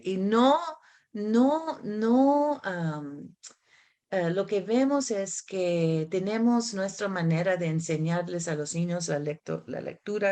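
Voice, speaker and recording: A woman from the United States speaks slowly in a lowish voice, answering questions in a conference discussion as an academic expert. She's halting and searches for words in a second language, often using tag questions to seek agreement as she explains.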